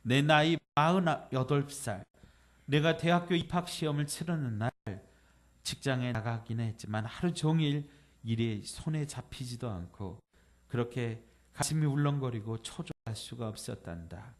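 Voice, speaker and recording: Korean pastor reading gently in a sermon. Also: male voice, mid-range voice, moderate pace. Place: church sanctuary.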